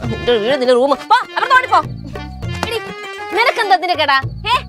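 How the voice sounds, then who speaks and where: Woman doing a spoiled bossy girl, high voice, talks fast, music in the back. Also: very animated. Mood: scolding. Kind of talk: comedy sketch acting.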